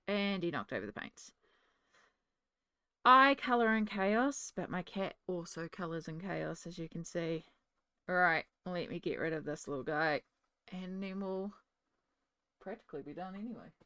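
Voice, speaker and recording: Chatty woman with a low, dry voice. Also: a bit bright, no room sound. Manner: chatty, narrates each step while working; talks one-handed with a cat in her lap. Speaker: art channel host. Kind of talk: casual narration while colouring. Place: home art desk. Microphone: desk microphone.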